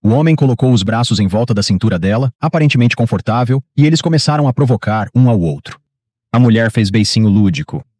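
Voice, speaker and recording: A man narrating a scripted story recap in a steady, even storytelling manner. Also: mid-range voice, fast.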